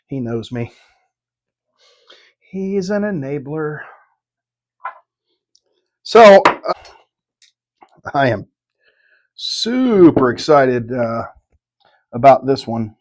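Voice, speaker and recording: Middle-aged man, folksy and halting. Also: mid-range voice. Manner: profane, folksy, halting delivery. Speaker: whiskey review host. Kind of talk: casual chat, whiskey tasting review.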